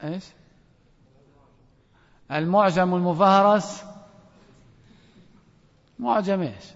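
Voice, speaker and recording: High-voiced sheikh quizzing students in a hall. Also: male voice, slow pace, creaky. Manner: questions students directly, stretches words for emphasis. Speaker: sheikh teaching a grammar course. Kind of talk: classroom lesson with oral quizzing. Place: lecture hall. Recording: dull lo-fi recording with long hall reverb.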